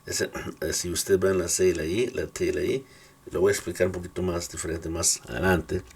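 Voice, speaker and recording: A man's voice: deep voice, steady tone, normal speed, vocal fry, slightly rough. A man teaching English pronunciation, patiently explaining rules and reading out word lists, checking in often with short questions.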